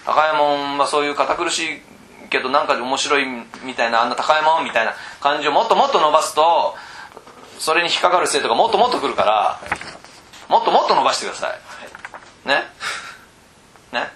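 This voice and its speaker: A man trains cram school teachers in a loose, teasing lecture, prodding them bluntly. His pitch swings widely and his tone is bright. He keeps breaking off to check that his listeners follow. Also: animated, a little fast, slight background noise. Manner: keeps checking in with rhetorical asides.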